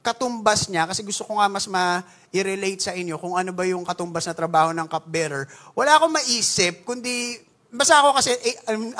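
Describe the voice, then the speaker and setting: Lively high-voiced Filipino pastor. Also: male voice. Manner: animated, playful, asks the congregation questions. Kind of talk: conversational Taglish sermon.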